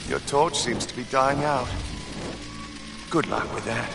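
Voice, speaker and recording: An actor playing a suave, menacing villain in a video game, speaking with dry, mocking politeness. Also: male voice, mid-range voice, a little slow, vocal fry, music in the background. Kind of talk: video game cinematic acting.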